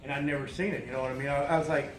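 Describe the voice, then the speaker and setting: A man's voice: a little high, steady tone, racing, echoey room, over music, low-quality recording. A man chatting loosely and profanely while working on a car engine, joking with friends. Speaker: mechanic. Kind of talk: casual shop banter. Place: garage.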